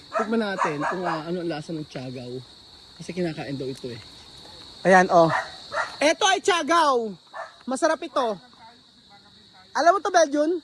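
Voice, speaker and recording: A woman hosting a casual travel vlog outdoors in the countryside, exclaiming excitedly and talking straight to her viewers. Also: mid-range voice, noisy background. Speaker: vlogger.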